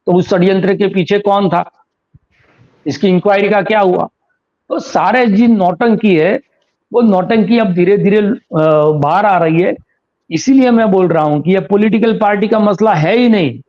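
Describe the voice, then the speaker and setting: A man's voice: high-pitched, moderate pace. A man speaking as a political analyst in an interview, making his case with pointed rhetorical questions. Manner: argumentative, fires rhetorical questions. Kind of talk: interview commentary. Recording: slightly dull lo-fi audio.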